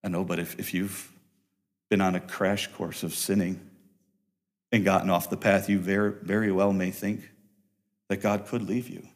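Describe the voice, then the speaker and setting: A man preaching a sermon to his congregation, pressing his points with rising emphasis and then dropping to quiet, low passages, often repeating words as he builds a thought. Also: level tone, normal speed, pauses often. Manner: earnest preaching, swings between loud emphatic peaks and quiet low passages; repeats and restarts phrases while building a point. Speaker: pastor.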